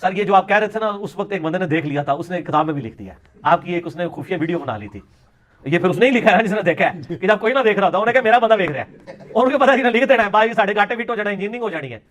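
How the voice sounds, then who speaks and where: A religious speaker with a high, animated, fairly bright voice gives a polemical lecture. He's sarcastic and mocking toward his opponents, dropping into quips in Punjabi.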